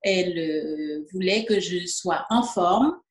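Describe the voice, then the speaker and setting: Speaking slowly in a lowish voice in an echoey room, a French Guianese distributor in her fifties recounts her story in a testimonial interview. She hesitates a lot, fills pauses, and acts out the dialogue she quotes.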